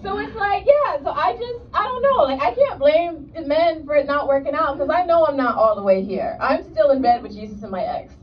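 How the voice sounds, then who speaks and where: A woman's voice: high-pitched, animated, brisk, hardly any pauses, a little hiss or hum. A woman performing a stand-up comedy set, chatty and loose, with many "like" asides. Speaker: stand-up comic. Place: comedy club stage. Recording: distant mic, dull lo-fi sound, loud audience laughter.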